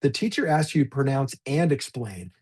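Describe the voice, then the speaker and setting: A man's voice: medium pitch, sing-song, normal speed, a little mellow, breathy edge. A man leading a live online teacher training, demonstrating a tool in an upbeat, chatty way and addressing attendees by name over a video call. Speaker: workshop presenter.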